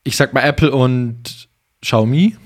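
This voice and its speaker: A man's voice: mid-range voice, unhurried. A man co-hosting a podcast, talking loosely and thinking aloud, with fillers and English business buzzwords. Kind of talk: casual conversation.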